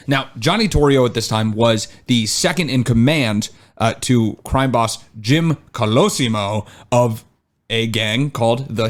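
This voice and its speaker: A man co-hosting a history podcast, reading his research and breaking off into joking asides. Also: mid-range voice. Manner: chatty, with frequent "uh" and joking asides. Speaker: podcast co-host.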